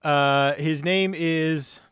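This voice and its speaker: A man's voice: on the high side, fairly even intonation, extremely slow, a bit bright, clear, resonant tone, no room sound, studio quality. A man co-hosting a casual comedy talk show, rambling and reading out news posts. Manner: rambling, loses his place, reads out posts. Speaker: podcast co-host.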